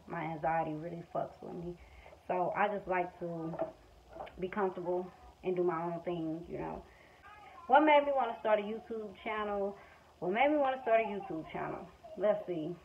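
Faint household sounds sit under the dull, lo-fi phone audio as a Missouri woman in her twenties, a stay-at-home mom who vlogs, talks casually and openly to camera. Her lowish voice carries an American accent and colloquial, unscripted phrasing. She's indoors in a small room at home, with the phone propped nearby or held at arm's length.

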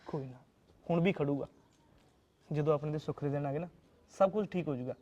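A man plays a devoted young husband out of work, speaking with a Punjabi accent in a soft, pleading, reassuring way. His voice sits a little high but sounds mellow and dark. The recording is slightly muffled and dull. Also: brisk, natural voice. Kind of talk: Punjabi short-film acting.

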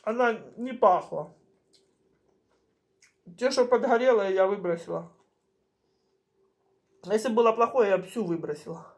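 A middle-aged woman chatting casually in short phrases with pauses as she eats, chewing while she talks, recorded in a home kitchen. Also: medium pitch. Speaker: mukbang vlogger. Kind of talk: casual chat while eating. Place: small home kitchen, indoors. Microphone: camera on the table at arm's length.

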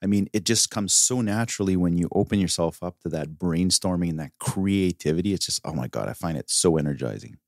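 A man's voice: sits low, a little fast, gravelly, hardly any pauses, dry recording, clean studio sound. A middle-aged man co-hosting a podcast, chatting with wry, laid-back quips. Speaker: podcast co-host. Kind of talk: casual chat.

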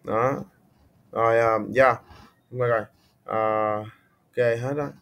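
A man from Vietnam with a Vietnamese accent, patiently tutoring English on a video call, repeating words slowly to correct pronunciation. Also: medium pitch, fairly even intonation, a bit bright. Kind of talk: online English tutoring, casual.

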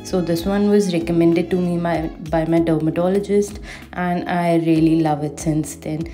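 A beauty vlogger in her twenties, with a warm voice on the low side, narrates her home shower and skincare routine from the bathroom. Her casual voice-over is chatty and full of enthusiasm for the products, with faint music behind her.

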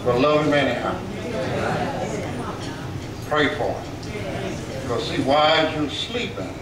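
A man's voice: medium pitch, a little slow, crowd noise. An older man with a Southern US accent, a visiting pastor giving folksy, joking remarks from the pulpit. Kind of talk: church remarks. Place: church sanctuary, at a pulpit. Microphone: pulpit mic, filmed by far camera. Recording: echoey church from far off, loud room noise.

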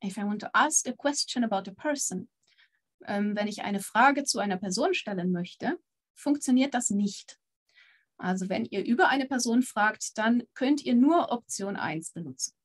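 A woman's voice: medium pitch, expressive, normal speed. A woman teaching a live online German lesson, encouraging her students and switching between German and English to explain. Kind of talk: online language lesson with quiz.

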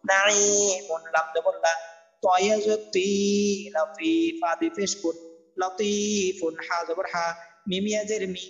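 A man with a high voice teaches Quran reading online and walks his students through each word letter by letter in a steady, drilled cadence. The sound is dull and lo-fi, like a muffled online class. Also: vocal fry, soft background music. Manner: spells letters and vowels slowly in a drilled, repetitive chant. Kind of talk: online tajweed lesson.

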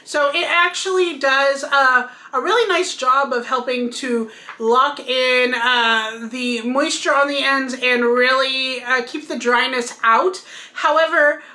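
A woman in her thirties with a high, bright voice chats casually through a product review at home. She explains each item as she holds it up, and her voice carries some room echo. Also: slow pace. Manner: chatty, explains while showing products. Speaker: beauty vlogger. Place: bedroom at home, indoors.

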